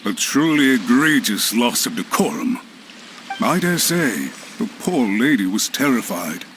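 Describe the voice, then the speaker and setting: An actor playing a smug, haughty clan retainer in a video game, pompous and theatrical with mock politeness. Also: male voice, medium pitch, big pitch swings, measured pace, a bit bright, slight background noise. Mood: indignant, dismissive. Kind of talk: scripted game dialogue.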